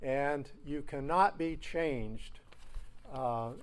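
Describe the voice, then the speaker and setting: A man giving a personal memorial speech, telling an anecdote and slowing down for emphasis. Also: mid-range voice, clear, resonant tone. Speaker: alumnus speaker.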